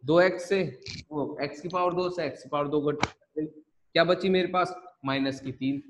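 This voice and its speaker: A man's voice: on the high side, normal speed, slight background noise. Man teaching math, step by step. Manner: repetitive, step-by-step explaining with rhetorical questions. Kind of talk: online math lesson.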